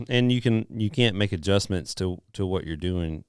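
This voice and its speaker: Middle-aged guy cohosting, really deep smooth voice, laid back, dry close mic. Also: normal speed, dry recording. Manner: relaxed, chuckles easily. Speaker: podcast co-host. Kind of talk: casual chat.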